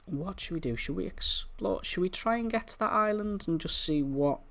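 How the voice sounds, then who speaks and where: A man's voice: sits high, lively intonation, normal speed, a bit bright. A man giving casual let's-play commentary, chattily explaining each move as he plays. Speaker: gaming YouTuber.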